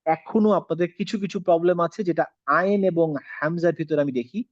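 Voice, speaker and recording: Male tajweed teacher, slightly high voice, methodical lesson delivery, dry muffled recording. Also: dry recording. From Bangladesh. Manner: explains slowly, mixes English words into Bengali, models sounds. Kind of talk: online class lesson.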